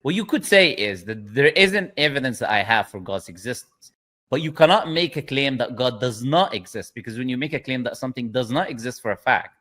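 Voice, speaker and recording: A man's voice: mid-range voice, a bit bright. A man hosting a debate on a video call, speaking firmly and insistently, repeating his points. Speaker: host.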